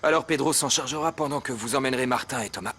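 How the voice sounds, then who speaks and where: An actor playing a stern, formal young head of a household in a French TV dub. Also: male voice, medium pitch, fast talker, a bit bright, a little hiss or hum, close to an everyday voice.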